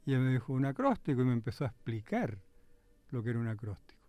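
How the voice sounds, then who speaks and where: A man's voice: medium pitch, fast talker, no echo. An older man with a Chilean accent, a poet guest telling anecdotes in an easygoing, self-deprecating way. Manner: relaxed, self-deprecating storyteller. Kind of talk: anecdotal interview storytelling.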